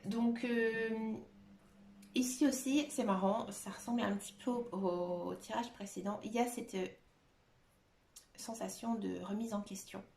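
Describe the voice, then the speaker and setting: A woman giving a tarot reading to her viewers, talking gently and hesitantly with many filler sounds. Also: a little high, fairly even intonation, unhurried, vocal fry. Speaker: tarot card reader. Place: room at home, dog nearby. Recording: echoey room with faint noise.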